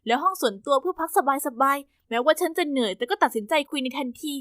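A woman narrates a first-person animated story with a high, bright voice. Her telling is lively and expressive. The recording is close and dry. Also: fast, no room sound.

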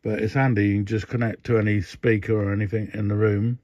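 Speaking quickly in a level, low-side voice, an older radio hobbyist casually shows a modification at his indoor workbench. He rambles, with many fillers and restarts. The dull, dry lo-fi phone audio has a noisy background.

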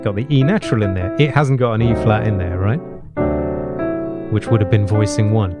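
A middle-aged man, host of online jazz lessons, gives an informal piano lesson in a small indoor home study with a bookshelf, piano playing in the background. His fairly low voice moves briskly as he thinks aloud while demonstrating, explaining step by step with short check-in questions. He's close on a studio mic mounted on a boom arm.

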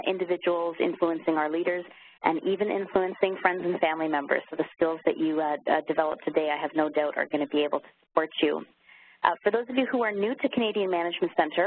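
A woman hosting a webinar, giving an upbeat introduction with many uhs. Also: fairly low pitch. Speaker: webinar host. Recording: tinny phone line with faint noise.

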